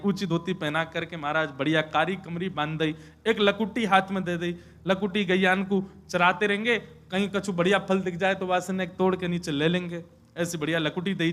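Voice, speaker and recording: A young man preaching a devotional sermon, animated and chuckling as he tells stories. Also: sits high. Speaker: kathavachak preacher. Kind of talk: devotional scripture sermon with storytelling.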